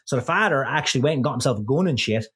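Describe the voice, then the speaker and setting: A man's voice: medium pitch, lively intonation, racing, a bit bright, husky. A man co-hosting a casual podcast, retelling a story in a rambling way, full of swearing and restarts. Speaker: podcast co-host.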